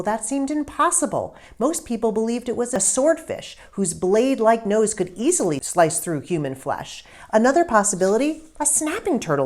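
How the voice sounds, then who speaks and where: A woman author with a medium-pitched voice reads a story aloud, narrating in an expressive, deliberate style with emphatic stresses.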